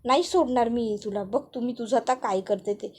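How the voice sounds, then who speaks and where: Angry older woman, loud, high and accusing, as a woman puts her on. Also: brisk, lightly acted. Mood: furious. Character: fierce older woman confronting a schemer.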